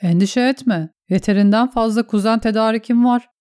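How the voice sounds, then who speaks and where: Brief: woman reader doing a cynical, mocking knight in an audiobook, dark tone, dry sound. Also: fairly high pitch, moderate pace, clear, resonant tone, no room sound, lightly acted. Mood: sardonic. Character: cynical noble male knight, sardonic.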